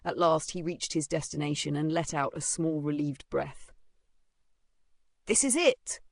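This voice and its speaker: A narrator telling a story recap with dramatic, halting phrasing, close on a dry mic. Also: mid-range voice, flat delivery, creaky, no echo.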